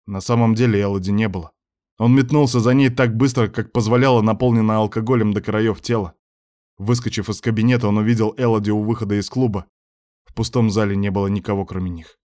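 A man reading a dramatic story aloud, steady in his narration. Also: lowish voice, fast, no echo, studio quality. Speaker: audiobook narrator. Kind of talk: scripted narration.

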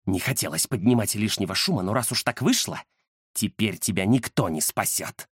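Man doing a hoarse sepulchral ghost. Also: fairly low pitch, animated, moderate pace, no room sound, clean studio sound, pitched below the performer's own voice. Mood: sinister. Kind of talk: audiobook character voicing.

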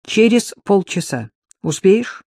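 A man's voice: high voice, very animated, takes it slowly, creaky, a little mellow, dry recording, studio quality, pitched above the performer's own voice, exaggerated voice. A man reading the part of a tired, determined young woman on the run who gives terse, urgent instructions.

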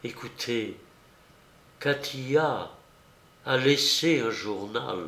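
An anxious sister in mourning presses her case in an urgent, pleading voice, lifted a little higher than the reader's own, as a man puts her on. The slow reading rings in a roomy, echoey space. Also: expressive, vocal fry, bright, forceful tone, exaggerated voice. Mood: earnest. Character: anxious grieving woman, the dead actress's sister. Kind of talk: audiobook reading. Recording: roomy echo.

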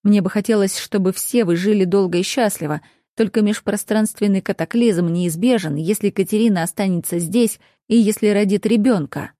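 A woman's voice: mid-range voice, moderate pace, dark tone, no room sound, studio quality, natural voice. A woman voicing a wary, blunt male official. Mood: measured.

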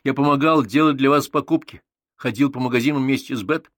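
A man voicing an indignant, scrappy schoolboy in an audiobook, with heated, shouted outbursts. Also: medium pitch, fairly quick, no room sound, clean studio sound, voice pushed up, close to an everyday voice.

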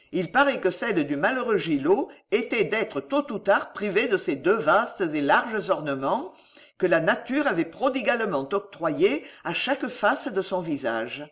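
A reader narrating a historical adventure novel as an audiobook, with dramatic, expressive storytelling. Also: medium pitch.

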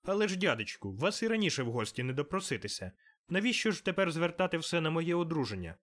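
Audiobook figure: a bright, pleading young nephew, pitched well above the reader's own voice, played by a man. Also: sing-song, fast. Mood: eager, pleading. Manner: bright, eager, raised voice. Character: cheerful young male nephew, warm-hearted and pleading.

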